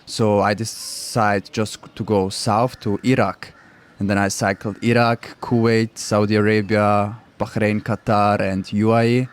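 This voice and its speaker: This radio guest is a young Swiss cyclist of Croatian heritage whose native language isn't English. His voice is lowish and clean-toned, and he talks unhurriedly, laughing readily and keeping his non-native wording simple and easygoing.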